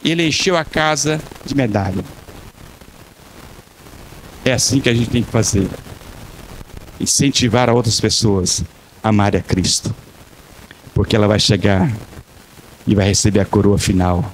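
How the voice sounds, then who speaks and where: A man's voice: lowish voice, moderate pace, pauses often, slight background noise. A man preaching a sermon as pastor, telling stories with emphatic repetition and acting out the dialogues. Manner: dramatic storytelling, acting out dialogues.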